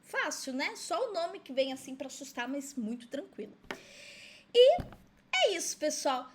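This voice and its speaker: A woman gives a recorded school lesson in a high voice. She explains patiently, step by step, and keeps checking that her pupils follow. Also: animated, normal speed, a little hiss or hum. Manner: friendly, explaining step by step, with frequent checks like "certo?"; asks herself pupils' questions in a lighter voice. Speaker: Portuguese teacher.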